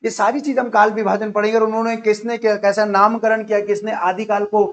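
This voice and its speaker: A man's voice: sits high, little pitch movement, a little fast. A man teaching an exam-prep lecture, listing topics one after another and repeating key points as he explains. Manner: repetitive, explanatory, enumerating topics.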